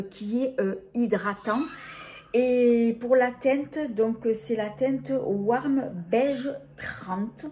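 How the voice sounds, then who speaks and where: A woman's voice: fairly high pitch, a little mellow. A middle-aged woman presenting a casual beauty haul, talking hesitantly with many fillers and restarts. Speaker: beauty vlogger.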